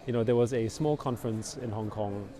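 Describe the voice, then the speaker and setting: A middle-aged man from Austria, a company founder, answering interview questions in a relaxed, rambling way full of fillers. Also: medium pitch, a little fast. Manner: relaxed, rambling, many fillers like "you know" and "basically". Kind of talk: conversational interview. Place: outdoors at a busy conference venue. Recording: crowd chatter behind. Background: crowd noise.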